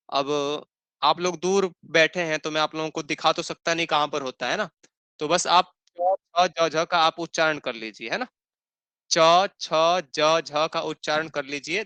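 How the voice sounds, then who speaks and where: A man teaching an online class, explaining patiently and repeating each rule slowly, often checking in with "okay?". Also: on the high side, bright, forceful tone, smooth, no room sound. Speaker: Sanskrit teacher.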